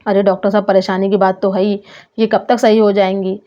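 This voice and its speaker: A woman's voice: mid-range voice, level tone, brisk, warm tone, close to an everyday voice. A woman voicing a worried grown man who pleads with a doctor and grumbles about her fee, in a doll story. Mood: anxious. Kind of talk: doll story role-play. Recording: dull lo-fi sound.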